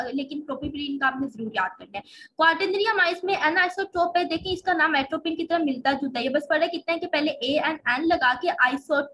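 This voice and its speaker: Bright high-voiced woman lecturing. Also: slight background noise, low-quality recording. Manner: patient, explains step by step with memory tricks. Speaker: medical lecturer. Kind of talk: pharmacology lecture.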